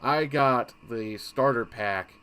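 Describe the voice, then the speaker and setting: Speaking slowly at medium pitch, this man has a bright, forceful voice that's clear and resonant. He hosts a casual game walkthrough for his gaming channel, rambling, getting easily distracted and interrupting himself mid-thought.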